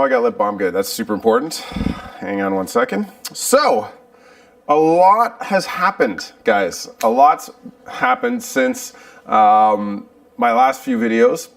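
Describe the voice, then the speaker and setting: A man chatting casually on a livestream from a cluttered garage, muttering to himself while he fixes his setup. His voice is gravelly, with a lively pitch that swings up and down. He sounds a bit distant, picked up by a camera mic set back in the room. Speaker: livestreaming vlogger.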